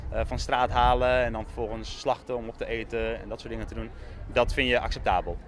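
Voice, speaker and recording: A man's voice: mid-range voice, flat delivery, brisk. A young man doing a street interview outdoors with a handheld mic, asking probing, persistent questions. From Netherlands. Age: young adult. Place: busy town street outdoors. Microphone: handheld mic with fur windscreen. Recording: faint street noise.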